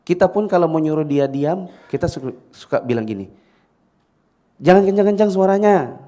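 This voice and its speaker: A man's voice: on the high side, expressive, fairly quick, warm tone. A middle-aged man giving a parenting lecture in a mosque, talking casually, asking the audience questions and acting out parent and child exchanges. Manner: conversational, asks the audience questions and acts out child-parent dialogues. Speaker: ustadz giving a parenting talk.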